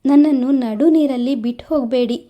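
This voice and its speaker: A woman voicing a poor young village wife who pleads quickly with her husband in a storybook reading. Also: high-pitched, dull audio, natural voice. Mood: pleading.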